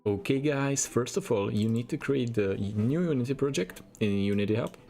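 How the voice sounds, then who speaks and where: Over music, a Czech man's gravelly, medium-pitched voice moves at a normal speed. Czech is his first language and it shows in his accent as he leads a screen-recorded coding tutorial, laying out simple steps and repeatedly using "we're gonna."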